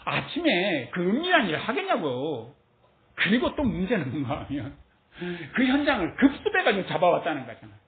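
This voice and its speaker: A woman's voice: lowish voice, huge pitch swings, brisk. Questioning woman preacher, tinny and echoey. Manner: asks the listeners many rhetorical questions; light laughs between phrases. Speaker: Bible teacher. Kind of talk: sermon-style Bible lesson. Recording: tinny phone-like sound with roomy echo.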